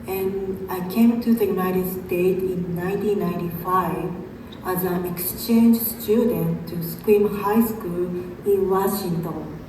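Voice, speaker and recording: A woman in her forties with a Japanese accent giving a slow, careful tribute, pausing between phrases. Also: on the low side, darkish tone, heavy reverb, distant mic, a little hiss or hum, poor audio. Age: 40s. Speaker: memorial video speaker.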